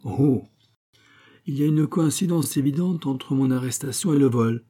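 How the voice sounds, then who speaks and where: A man reading the part of a calm, resolute middle-aged doctor in an audiobook, measured and commanding. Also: mid-range voice, breathy edge, pitched above the performer's own voice, close to an everyday voice. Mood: urgent.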